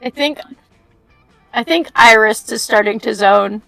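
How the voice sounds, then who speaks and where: Girl streamer just chatting, highish voice, kinda scattered n giggly, faint music under it. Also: measured pace, vocal fry, fairly bright tone, low-quality recording. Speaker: streamer playing and voicing a game with friends. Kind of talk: casual chat.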